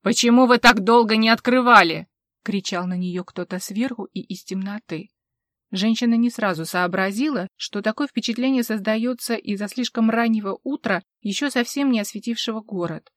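Female audiobook narrator, dramatic and expressive, mid-pitch, dry close recording. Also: moderate pace, no echo. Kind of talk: scripted narration.

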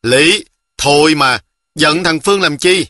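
A man's voice: fairly high pitch, a little slow, pushed and bright, dry recording. A man voicing a boastful, cocky village boy, teasing and breezy.

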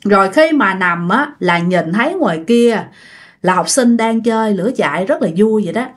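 Speaking straight to her audience, a woman with a Southern Vietnamese accent narrates a ghost story in a relaxed, chatty manner. Her pitch is medium, her intonation lively, and her speed normal.

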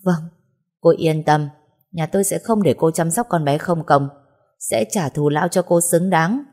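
A cold, commanding old grandfather in an audio story, read by a woman, issuing orders in a low, dark voice. His tone is curt and unbending, like a man used to being obeyed. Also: unhurried. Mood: stern. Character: stern wealthy elderly grandfather, cold and commanding.

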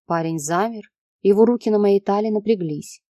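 A woman narrating a story in the first person, with an even, measured reading. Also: mid-range voice, dry recording, studio quality. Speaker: audiobook narrator.

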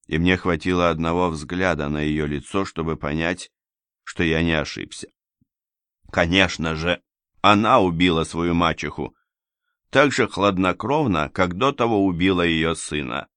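A man reading an audiobook in a measured, even storytelling manner. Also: low-pitched, clear, resonant tone, no echo, clean studio sound. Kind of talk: audiobook narration.

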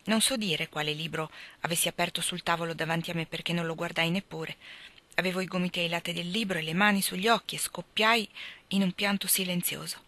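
Bright-voiced woman reading a novel. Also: fairly low pitch, steady tone. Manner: measured, quiet narration. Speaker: audiobook reader.

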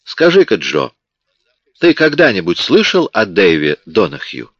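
A man's voice: on the low side, huge pitch swings, unhurried, slightly rough, no echo, exaggerated voice. A man voicing a smug, mocking police detective. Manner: mocking, cool, commanding. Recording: dull lo-fi audiobook recording.

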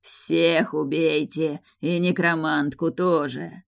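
A woman's voice: low-pitched, little pitch movement, slow, vocal fry, heavily acted. A woman doing a wheezing dying bastard prince. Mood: spiteful. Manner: spiteful, gloating. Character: dying vicious young male bastard prince.

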